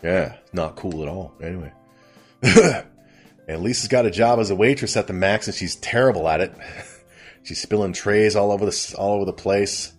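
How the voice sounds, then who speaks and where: A man's voice: sits low, normal speed, breathy edge, faint music behind. A man hosting a casual comedic recap of a TV episode, rambling and amused at his own retelling. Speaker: host.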